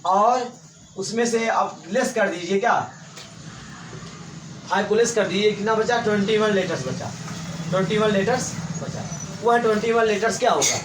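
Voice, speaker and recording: A man's voice: high-pitched, normal speed, pauses often. A man teaching English grammar to a class, repeating points and quizzing his students. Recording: echoey room, faint hiss.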